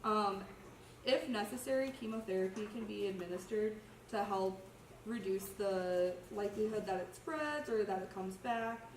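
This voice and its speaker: A woman's voice: mid-range voice, normal speed. A young adult woman who is sick with a cough gives an informal slide presentation as a student, explaining casually and a little hesitantly. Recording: roomy, distant mic, faint noise.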